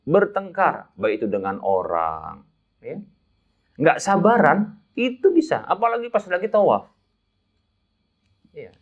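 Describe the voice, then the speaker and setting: A man of middle pitch leads a religious lesson for pilgrims in a lively, chatty way. His voice rises and falls freely as he chuckles through his anecdotes. The recording is somewhat dull and lo-fi. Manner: lively, chatty, laughs at his own stories. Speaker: umrah guide teaching pilgrims. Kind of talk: religious instruction talk. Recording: dull lo-fi sound.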